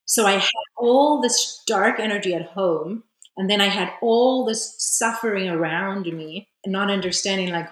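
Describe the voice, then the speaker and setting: Woman, South African-raised healer, interview guest; low pitch, reflective and earnest, recorded with room echo. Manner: earnest and reflective, with frequent "you know". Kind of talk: personal storytelling in an interview.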